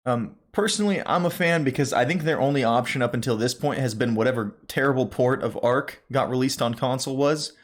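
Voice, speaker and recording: A young man co-hosting a gaming podcast, talking news in a relaxed, rambling way with lots of fillers. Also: mid-range voice, a little fast, few pauses. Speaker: podcast co-host. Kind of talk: casual gaming news chat.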